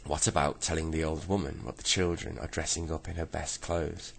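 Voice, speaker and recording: A man's voice: very deep voice, level tone, fairly quick, vocal fry, slightly rough, heavily acted. A man voicing a clever young boy in a storybook, laying out a plan earnestly. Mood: scheming.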